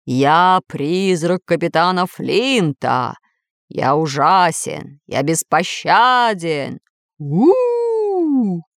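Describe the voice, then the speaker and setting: A woman voicing the ghost of a male pirate captain, speaking slowly and menacingly. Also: lowish voice, very animated, no room sound, studio quality, heavily acted. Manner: slow, drawn-out, threatening.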